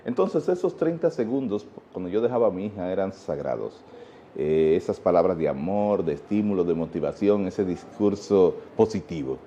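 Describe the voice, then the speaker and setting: A Dominican man speaks as a guest teacher in a TV interview. His voice is mellow and dark, and the sound is dull and lo-fi. He lectures patiently and poses rhetorical questions. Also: low-pitched, lively intonation, normal speed, slight background noise. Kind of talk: TV interview, explaining.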